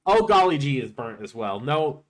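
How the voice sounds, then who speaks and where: A man's voice: medium pitch, very animated, moderate pace, a crowd in the background. A man hosting a live stream, chatting casually, swearing freely and sounding mock-indignant. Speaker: streamer host.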